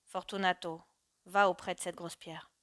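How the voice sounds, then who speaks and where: A woman voicing a stern, grim father who speaks with slow, menacing calm. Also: on the low side, close to an everyday voice. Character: stern older Corsian father, grim and cold.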